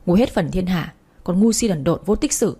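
A woman's voice: fairly low pitch, expressive, normal speed, dark tone, breathy edge. A woman voicing a contemptuous, abusive husband with curt, insulting lines.

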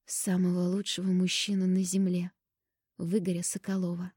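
A woman's voice: mid-range voice, normal speed, warm tone, no room sound, clean studio sound, close to an everyday voice. A woman reading an audiobook and voicing a playful, dreamy young woman in love. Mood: sly. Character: sly, happy young woman student in love.

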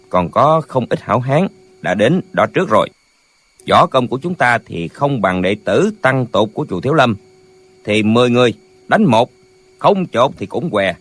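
A man's voice: medium pitch, fairly bright tone. A man voicing a young swordsman hero in an audiobook, steadily rallying a crowd of fighters. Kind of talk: audiobook character voice.

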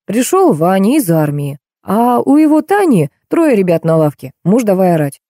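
A woman's voice: medium pitch, sing-song, normal speed, dark tone, no echo, studio quality, natural voice. A woman voicing a wry, easily offended police major telling a joke. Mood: joking.

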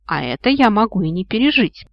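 A reader narrating a first-person fantasy audiobook in a lively way, exclaiming when voicing the heroine. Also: mid-range voice, fairly quick, gravelly, no room sound. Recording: dry, muffled, dull-sounding recording.

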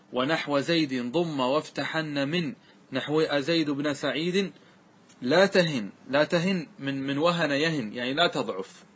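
A man's voice: a little high, a bit bright, breathy edge. A man teaching a grammar lesson in a classroom-lecture style, explaining step by step and often checking that his students follow. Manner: recites verses slowly and deliberately.

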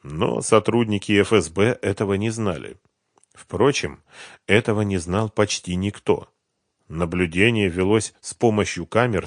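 A man narrating an audiobook in an even, measured reading. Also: low voice, no room sound, studio quality. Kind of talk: scripted narration of a thriller novel.

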